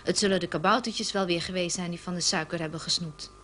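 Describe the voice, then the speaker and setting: A woman's voice: on the low side, fairly even intonation, fast talker, pushed and bright, a little hiss or hum. A woman reading aloud and voicing a mischievous housewife who teases with mock innocence. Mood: exasperated. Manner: playful, sly, mock-innocent.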